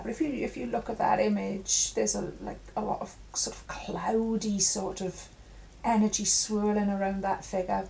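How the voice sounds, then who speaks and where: A middle-aged woman giving an intuitive tarot reading in a musing, halting way with many fillers. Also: mid-range voice, gravelly, darkish tone, rough recording. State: coughing at times. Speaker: tarot reader.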